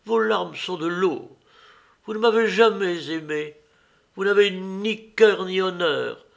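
A man reading a classic novel aloud, voicing a wounded, furious wife in sharp, bitter outbursts. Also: fairly high pitch, expressive, measured pace, voice pushed up. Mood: bitter, angry.

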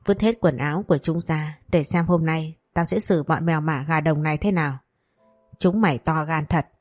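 A cold, controlled young master issues clipped commands and calm threats, voiced by a woman storyteller. His tone stays low and measured. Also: dry recording, faint music behind. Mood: commanding. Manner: curt, commanding. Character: cold, commanding younger son of a rich family.

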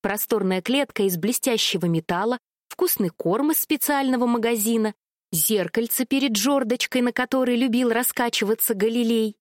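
A woman narrating a children's storybook with a gentle, expressive reading. Her voice sits a little high. It is recorded close and dry. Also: moderate pace, no echo.

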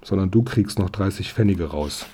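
A man doing a gruff old taxi driver. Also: deep voice, normal speed, warm tone.

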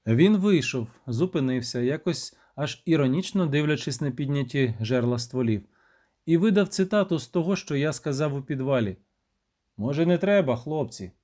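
A man narrating a first-person novel as an audiobook, reading evenly and rising for the shouted lines. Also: medium pitch. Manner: even storytelling that lifts and grows loud for shouted lines.

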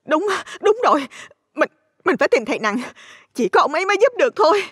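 A man's voice: extremely high pitch, sing-song, fast talker, bright, forceful tone, no room sound, studio quality, voice pushed up, exaggerated voice. A man voicing a worn-out, terrified middle-aged mother who stammers in panic. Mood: desperate.

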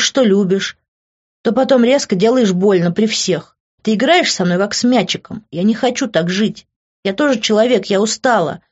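A passionate young woman in the middle of a quarrel, loud, insistent and emotional, as a woman audiobook reader plays her. Her voice sits higher than usual and comes through a dull, lo-fi recording. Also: natural voice.

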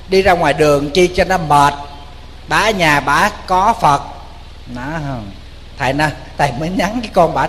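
Speaking in a large hall, this man, a Buddhist monk with a Southern Vietnamese accent, addresses his audience directly as he tells a sermon story. His delivery is lively and colloquial, and his voice sits on the high side.

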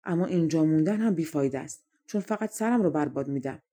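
A woman voicing a kind young man who speaks quietly and uncertainly in a fairy-tale audiobook. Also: deep voice, expressive. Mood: worried.

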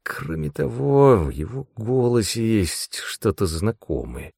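A man voicing a gruff, sarcastic male demon mentor in an audiobook, brusque and commanding. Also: lowish voice, big pitch swings, slow, a little mellow, no echo, studio quality, full character voice. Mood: sly. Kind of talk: audiobook character voice.

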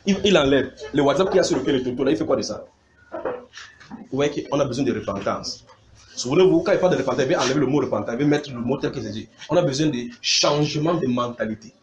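A man preaching a sermon, animated, mimicking sounds and calling out to his congregation. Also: medium pitch, fast talker, a little hiss or hum.

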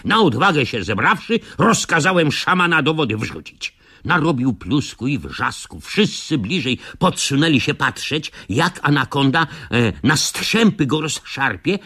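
A man telling a comic first-person radio story in a lively, theatrical way. His fairly high voice swings widely in pitch, and his old-fashioned, broken grammar adds to the fun. Now and then he bursts into shouts.

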